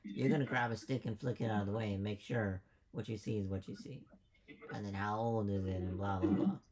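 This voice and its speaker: A man's voice: on the low side, fairly even intonation, brisk, darkish tone, slight background noise. A man acting as game master, casually narrating and explaining a tabletop game.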